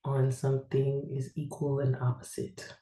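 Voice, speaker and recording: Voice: medium pitch, monotone, moderate pace, mellow. Tentative student in an echoey room. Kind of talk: answering tutor questions.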